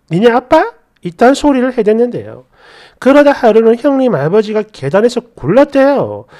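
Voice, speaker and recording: Lady reading out story comments, super lively up-and-down voice, acts out the quotes. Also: a little high. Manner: expressive, acts out quoted lines. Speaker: story channel narrator. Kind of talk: dramatized reading of online posts and comments.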